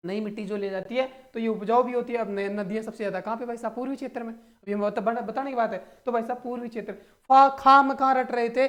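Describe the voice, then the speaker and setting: A man coaching students for exams, teaching through playful mnemonic stories and rhetorical questions, often calling his listeners brother and friends. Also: sits high. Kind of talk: energetic exam-prep lesson.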